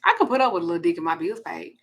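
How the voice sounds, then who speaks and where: A woman's voice: fairly low pitch, sing-song, very fast, fairly bright tone, slightly rough. A woman, hosting a blunt, profane ranting monologue. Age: 40s. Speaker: host.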